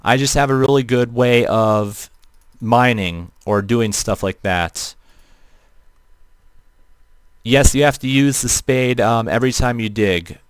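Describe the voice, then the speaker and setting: A man with a robotic-sounding natural voice, giving casual live game commentary in a halting way, often rephrasing as he goes. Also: mid-range voice, smooth, dry recording, clean studio sound. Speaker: livestreamer playing an online role-playing game. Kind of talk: casual gameplay livestream commentary.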